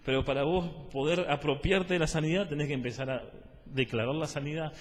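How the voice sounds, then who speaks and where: A male preacher with a Rioplatense Spanish accent delivers a teaching sermon in a somewhat high voice. He repeats his key phrases and keeps asking the listeners whether they understand. His voice rings with long reverb, as in a church hall. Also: fairly quick. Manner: repetitive, asks the listeners if they follow.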